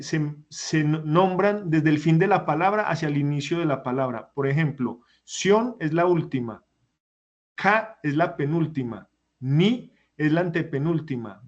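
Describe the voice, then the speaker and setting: A man lectures an online class, explaining things one step at a time and questioning his students. His voice is somewhat high, and the audio quality is dull.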